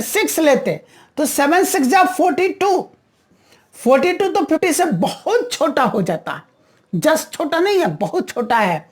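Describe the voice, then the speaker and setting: A woman teaching a maths lesson, patiently repeating each step and answering her own questions. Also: high-pitched.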